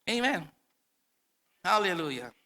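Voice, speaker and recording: High, forceful pastor preaching. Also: male voice, very animated, takes it slowly. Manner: impassioned preaching, mixing languages. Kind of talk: sermon. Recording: reverberant hall.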